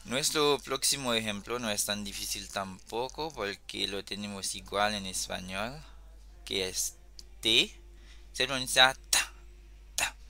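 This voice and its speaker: Slow bright-voiced man teaching pronunciation. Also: fairly low pitch, gravelly. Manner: slow, repeats sounds and checks with "ok?". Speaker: language teacher. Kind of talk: casual online lesson.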